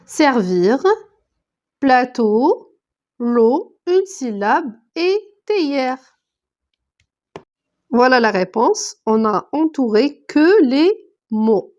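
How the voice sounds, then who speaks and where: Woman, teacher, somewhat high voice, patient, step-by-step, reads words one at a time. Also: lively intonation, very slow, pauses often, a little mellow, highs cut off. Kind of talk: online grammar lesson.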